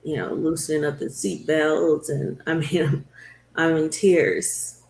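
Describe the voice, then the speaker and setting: A woman's voice: low voice, steady tone, creaky, a little mellow. Woman recounting her illness, echoey room. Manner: earnest, storytelling, slows down at hard moments. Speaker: talk show host sharing her own illness story. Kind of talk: conversational recounting on a talk show.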